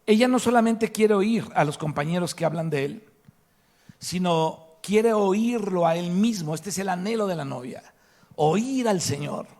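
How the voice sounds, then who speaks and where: A man's voice: high voice, lively intonation, measured pace, a little mellow. A man with a Mexican Spanish accent preaching a sermon to his congregation, emphatic and asking rhetorical questions. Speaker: pastor. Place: church hall.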